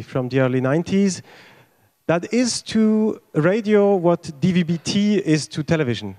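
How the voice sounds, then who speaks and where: Higher-voiced man giving a technical talk. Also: darkish tone. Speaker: conference speaker. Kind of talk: informal technical presentation. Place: stage in a large event tent. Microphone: handheld microphone.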